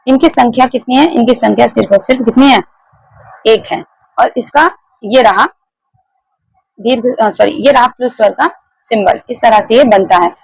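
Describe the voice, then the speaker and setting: Female teacher, fairly high gravelly voice, patient explainer, dry close mic. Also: no echo, rough recording. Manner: explains step by step, repeats key points, asks the class questions. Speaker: Hindi grammar teacher. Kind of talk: classroom lecture.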